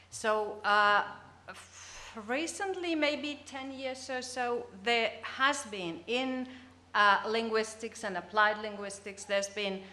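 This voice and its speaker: A Finnish woman with a bright, mid-range voice gives an academic presentation as a conference presenter in a conference hall. She sounds hesitant, restarting words partway through sentences.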